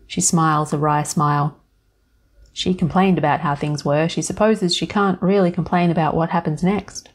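A woman storyteller reading scripted narration in a calm, measured and gently wry manner. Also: deep voice.

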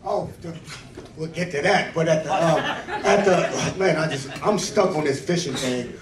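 A man giving an excited report at a church meeting, building into loud, fired-up preaching. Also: on the high side, moderate pace, noisy background. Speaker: ministry worker giving a report. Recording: echoey room, distant camera mic.

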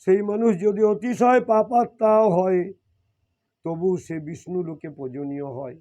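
A man's voice: high-pitched, fairly even intonation, moderate pace, dark tone. A man reading devotional scripture and explaining it, often repeating and rephrasing his points. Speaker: scripture reader and preacher. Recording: dull lo-fi recording.

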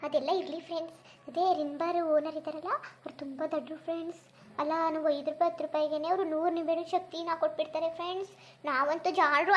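A woman's voice: very high voice, a bit bright, slight background noise. A woman with a Kannada accent chatting casually to viewers as the host of a cartoon channel.

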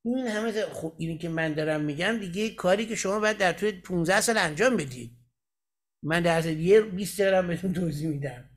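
Teacher, male, high-pitched voice, patient step-by-step explainer who keeps checking in with his class. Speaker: Quran recitation teacher. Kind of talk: lecturing in a recitation class.

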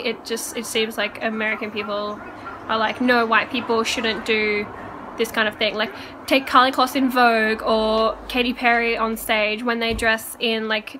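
A woman's voice: a little high, noisy background. A young woman talking casually to camera in a vlog, chatty and full of "like", at home over dinner. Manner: chatty, lots of "like", laughs often. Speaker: vlogger.

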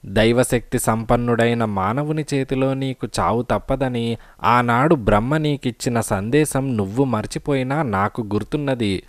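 A man's voice: mid-range voice, normal speed, no room sound, clean studio sound, lightly acted. A man voicing a brave young male hero who answers steadily and confidently. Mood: defiant.

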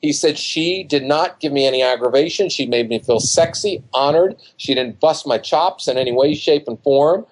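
Talking at normal speed with hardly any pauses, a man in his fifties offers colloquial dating advice as an interview guest, repeating himself for emphasis and acting out what people say. He's at home indoors in his living room on a video call, his voice on the high side, and the recording from his computer mic is low quality.

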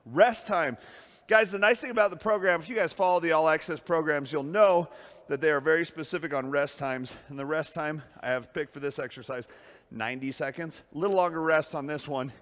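A man's voice: a little high, brisk, a bit bright, in a large hall. A man coaching a workout as a personal trainer, upbeat and out of breath between sets, in a gym. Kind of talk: workout coaching while lifting.

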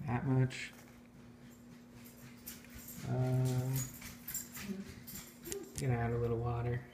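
A man in his thirties filming a casual home cooking vlog in his kitchen, talking in an offhand, self-mocking deadpan. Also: medium pitch, drawn-out words, background noise. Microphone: phone camera held at arm's length.

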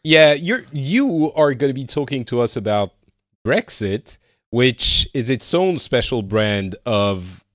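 A man's voice: medium pitch, big pitch swings, takes it slowly, fairly bright tone, no room sound. A man from France hosting a casual news podcast, talking with lots of fillers and restarts. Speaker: host.

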